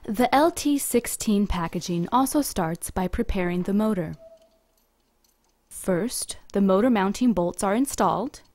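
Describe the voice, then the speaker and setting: A woman reading a scripted instructional voice-over in an even, measured, step-by-step manner, recorded apart from the pictured workshop. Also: medium pitch, no room sound. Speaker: company video narrator.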